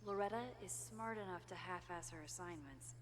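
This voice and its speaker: A woman's voice: on the low side, a little fast, in a large hall, a little hiss or hum, close to an everyday voice. An actress playing a young adult woman, a reflective video game heroine thinking aloud. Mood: wry, reflective.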